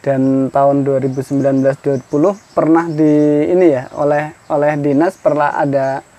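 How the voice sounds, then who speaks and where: A man in his thirties, a podcast host and agricultural extension worker, runs a casual farm interview in an outdoor greenhouse on a hillside. His voice is on the high side, mellow and fairly even, at a moderate pace, and he's chatty and friendly, asking lots of leading questions.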